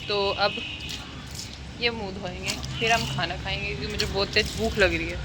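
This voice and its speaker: A woman's voice: mid-range voice, fairly even intonation, normal speed, heavy background noise. A young woman chatting casually in a couple's home vlog, teasing and laughing as she talks to viewers. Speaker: vlogger.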